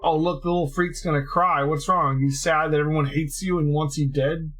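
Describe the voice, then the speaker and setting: A man's voice: fairly high pitch, fairly even intonation, fairly quick, fairly bright tone, faint music behind, lightly acted. A man reading aloud and voicing a cruel village bully boy, with sneering, jeering taunts.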